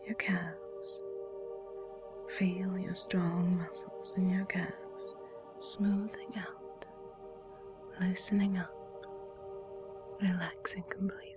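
A woman hypnotist guides the listener in a soft, breathy whisper. Her voice sits a little low and stays flat and even, drawn out slowly. A faint singing bowl hums behind her. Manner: soft breathy whisper, slow soothing instructions.

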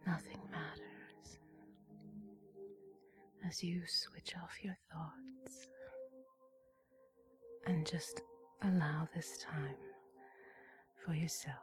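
A woman narrates a sleep relaxation in a soft, breathy whisper. She goes extremely slowly and soothingly, leaving long pauses between gentle instructions, over clearly audible relaxation music. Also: lowish voice. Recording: soft music with singing bowl behind.

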